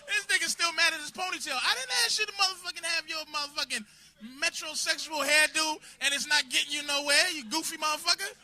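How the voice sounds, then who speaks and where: A man doing a crude, confrontational stand-up set in a comedy club, bursting into shouts at hecklers. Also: very high voice, normal speed.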